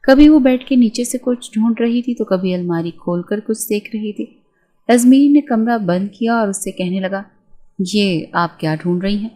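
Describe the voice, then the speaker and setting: Mellow-voiced woman narrating a novel. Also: a little high, poor audio. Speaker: storyteller. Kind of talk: scripted narration of a romance novel.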